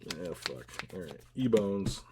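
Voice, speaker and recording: Low-voiced joking man playing a card game. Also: animated, noisy background. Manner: joking, swears often, quick teasing asides. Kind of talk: casual banter while playing.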